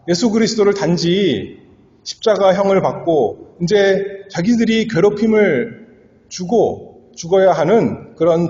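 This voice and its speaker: A man's voice: sits high, dark tone. A male pastor delivering an earnest expository sermon, swelling and dropping for emphasis. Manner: earnest, dramatic swells and drops. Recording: echoey hall, dull lo-fi sound.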